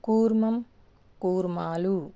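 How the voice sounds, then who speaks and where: A woman's voice: medium pitch, slow pace, dark tone. A woman teaching a grammar lesson, patiently repeating each word pair and answering her own questions. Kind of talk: slow step-by-step grammar lesson.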